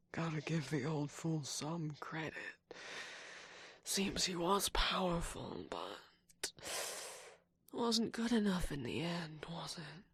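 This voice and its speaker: A woman voicing a scheming, manipulative male cookie trickster in an ASMR roleplay, with a breathy whisper and a sly, taunting manner. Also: low voice, big pitch swings, takes it slowly, pauses often, fairly bright tone, no room sound, heavily acted. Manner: taunting, sly, laughs often.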